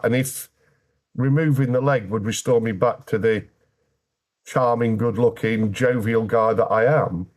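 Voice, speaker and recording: This British interview guest has a medium-pitched, slightly mellow voice. He recounts his own story in a plain-spoken, candid way, with wry and dry humour.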